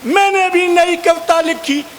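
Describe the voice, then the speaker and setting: Man, comic poet, very high voice, unhurried delivery, faint stage ambience. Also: slight background noise. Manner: chatty, teasing the audience. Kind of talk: stage comedy with sung verse. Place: outdoor poetry gathering stage.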